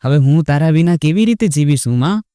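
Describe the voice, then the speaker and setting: A man's voice: fairly high pitch, animated, a little fast, dark tone, clear, resonant tone, dry recording, studio quality, natural voice. A man doing a grieving old man, choked and pleading.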